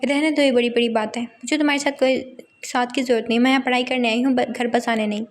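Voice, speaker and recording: A woman's voice: on the high side, steady tone, fast, lightly acted. Stubborn college girl in a romance audio novel, indignant and snappy, woman narrator doing her. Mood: indignant, defiant. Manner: indignant, defiant. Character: stubborn, tearful young female student.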